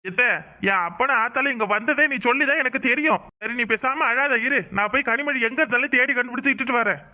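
A man's voice: very high-pitched, fast, sharp tone, heavily acted. Man voicing a brash, taunting village suitor. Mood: puzzled. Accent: southern Tamil Nadu dialect. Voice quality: taunting, swaggering. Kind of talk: cartoon voice acting.

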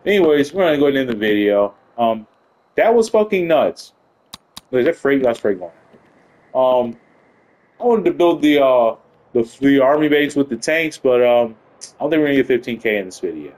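A man giving excitable, profane live commentary while playing a video game. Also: medium pitch, normal speed, rough recording. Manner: excitable, profane, swings between panic and triumph. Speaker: gaming channel host. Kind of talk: live let's-play commentary.

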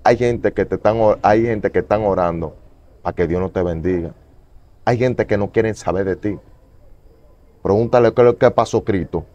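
A man's voice: moderate pace, muffled recording. Fervent man preaching his testimony. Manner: fervent, repetitive, swings from loud pleading to low murmurs. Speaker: evangelist guest. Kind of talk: emotional testimony in an interview.

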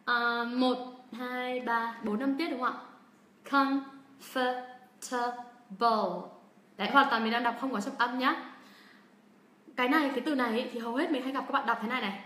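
A young woman giving a livestream pronunciation lesson, patiently explaining, asking viewers questions and repeating English words slowly with exaggerated stress. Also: fairly high pitch, fairly even intonation, pushed and bright. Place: room during a livestream. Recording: roomy echo.

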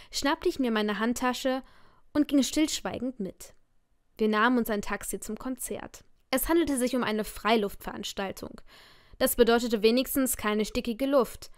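A woman narrating a romance novel as an audiobook in the first person, with expressive storytelling. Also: a little high, smooth, dry recording, studio quality.

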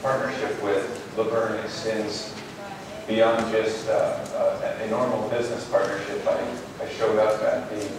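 A man's voice: lowish voice, level tone, measured pace. A man on stage giving a conference keynote in a hotel ballroom, friendly and loose with frequent fillers. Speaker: program manager giving a keynote. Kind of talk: conference presentation. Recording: echoey ballroom from far off with hiss.

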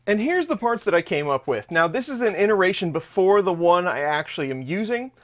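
A man's voice: high voice, big pitch swings, brisk, a bit bright. A man in his thirties hosting a hands-on 3D printer build vlog in his home workshop, explaining parts as he shows them. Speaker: channel host.

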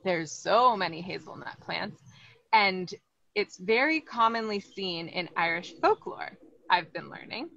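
Here her voice sits on the low side, animated and a little slow, creaky with a sharp tone. She is a thirtysomething plant educator from Los Angeles, California, with an American accent, running a lively online lesson from an indoor greenhouse and posing questions to her audience. The sound comes through a laptop or webcam video call and is slightly dull.

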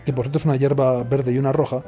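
A man's voice: medium pitch, flat delivery, very fast, warm tone. A man giving casual let's play commentary, sarcastic and rambling, often muttering to himself. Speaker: gaming streamer. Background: faint game music.

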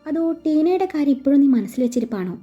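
A woman voicing a gentle young male doctor who speaks earnestly to his fiancée in a read-aloud story. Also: high voice, sing-song, fast. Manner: soft, earnest questioning. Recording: slightly dull with faint music.

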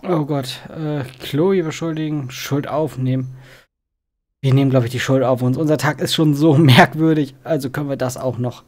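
Male streamer, thirties, medium pitch, relaxed thinking-aloud game commentary on a headset. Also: moderate pace. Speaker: Let's Play streamer.

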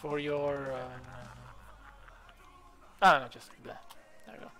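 Excitable swearing gaming streamer, man. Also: on the high side, measured pace, soft background music. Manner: excitable, swears, reacts loudly to chat.

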